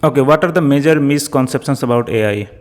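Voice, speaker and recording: A man's voice: mid-range voice, fast, big-room sound. A man with an Indian accent, giving spoken commands to a voice app hesitantly, with fillers and self-corrections. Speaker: tech video host testing an app. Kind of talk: casual spoken prompts.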